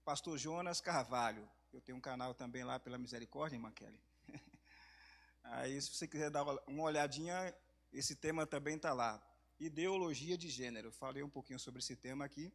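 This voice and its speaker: A hoarse man from Brazil preaching in a church, speaking slowly and softly, with louder passages when reading scripture. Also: mid-range voice. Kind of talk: sermon.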